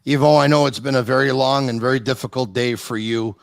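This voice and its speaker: A man's voice: medium pitch, fairly even intonation, brisk, creaky. A man hosting a podcast, asking guests questions in a conversational interviewing style. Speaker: podcast host.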